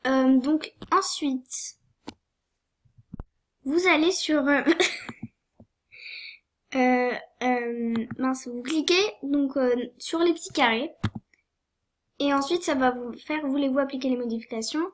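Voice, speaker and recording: Here a sniffly young woman with a cold guides viewers through a screen-recorded game tutorial, her high voice moving slowly with long pauses. A faint hiss or hum sits under the recording, and she hesitates often, apologizing and using many fillers.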